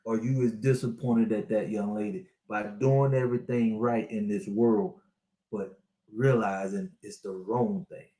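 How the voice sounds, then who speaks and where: A man's voice: lowish voice, steady tone, unhurried, mellow, echoey room. A man in his sixties giving a preachy, repetitive motivational talk to his online viewers as a spiritual life coach. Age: 60s.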